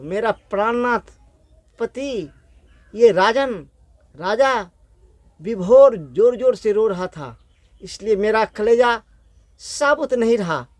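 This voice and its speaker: A man's voice: high voice, dry recording. A man voicing a devoted, tearful queen who weeps along with her husband, in a spoken folk story. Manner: doting, tearful.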